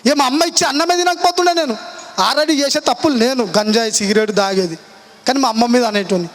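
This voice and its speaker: A young man, telling his personal testimony at a church meeting in rapid, impassioned colloquial speech. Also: very high-pitched. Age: young adult.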